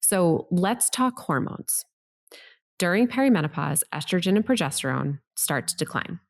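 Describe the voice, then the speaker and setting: A woman's voice: fairly low pitch, expressive, normal speed, gravelly. A middle-aged woman hosting a health podcast with upbeat, tidy advice-vlogger delivery, encouraging and organized as she speaks straight to the listener.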